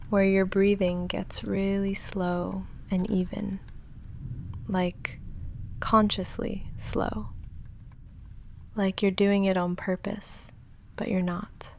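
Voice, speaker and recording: With a little hiss or hum underneath, a woman in a mid-range voice plays a goth vampire roommate for an intimate ASMR piece. She is soft-spoken and halting, guarded and dry but quietly fond, often slipping into a near-whisper.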